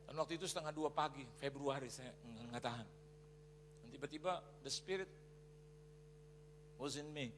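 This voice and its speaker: A man preaching a sermon as a pastor, telling a story in an animated way, acting out quotes and mixing in English phrases. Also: mid-range voice, moderate pace, long pauses. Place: large church hall. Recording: reverberant church hall with faint noise.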